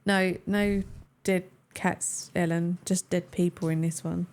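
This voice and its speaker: A woman's voice: lowish voice, flat delivery, slow pace, darkish tone. A woman co-hosting a game stream, chatting casually and teasing her co-hosts. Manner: chatty, teasing, laughs easily. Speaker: stream co-host. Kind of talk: casual chat.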